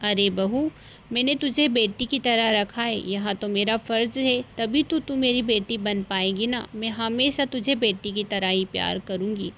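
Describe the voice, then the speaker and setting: A woman voicing a kind, patient middle-aged mother-in-law who advises gently in a cartoon story. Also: fairly high pitch, measured pace, a little hiss or hum. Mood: gentle.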